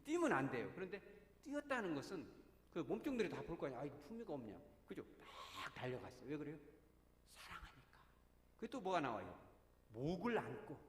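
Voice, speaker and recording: A man preaching a sermon as pastor, talking emphatically and drawing his congregation in with frequent rhetorical questions. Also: a little high. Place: church sanctuary. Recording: echoey church hall with long reverb.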